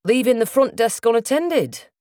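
A woman's voice: a little high, lively intonation, moderate pace, mellow, no room sound, clean studio sound, voice pushed up, lightly acted. A woman voicing a stern, impatient female police inspector who talks in a clipped, sarcastic way. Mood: brusque.

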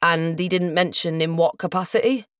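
A woman's voice: on the low side, normal speed, dry recording, clean studio sound, natural voice. Woman voicing a stern, clipped police inspector. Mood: brusque. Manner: clipped, sharp, sarcastic.

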